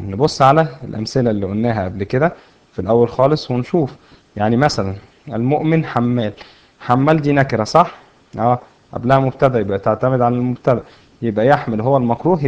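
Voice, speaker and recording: Egyptian man, brisk grammar teacher, quizzes himself aloud, muffled lo-fi audio. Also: mid-range voice, a little mellow. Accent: Egyptian Arabic. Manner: explains step by step, asks and answers his own questions. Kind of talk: classroom grammar lesson. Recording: dull lo-fi recording.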